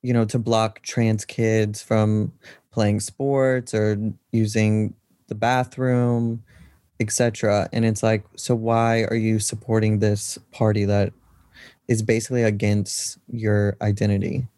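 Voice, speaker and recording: A man's voice: fairly low pitch, level tone, slow, warm tone, no room sound, studio quality. A man co-hosting a casual podcast over a video call, speaking in an informal, opinionated way. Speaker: podcast co-host.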